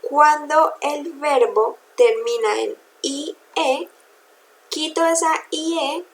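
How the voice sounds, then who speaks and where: A woman's voice: sits high, takes it slowly, slight background noise, low-quality recording. A woman teaching English grammar in a recorded lesson, patiently spelling out letters and checking in with her students.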